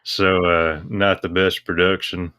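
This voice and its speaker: A man being interviewed speaks in a low, nearly monotone voice, his flat delivery running a little slow. He explains things in a casual, matter-of-fact way, and his sound carries a clear, bright edge.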